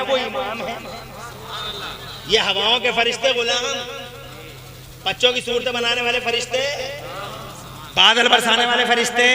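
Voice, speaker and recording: A middle-aged man preaching an Islamic sermon to a large gathering, building to loud shouts and calling on the audience to answer. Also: very high voice. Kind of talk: fiery religious sermon to a crowd. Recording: live crowd loud behind, voice sometimes far from the mic. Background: loud crowd.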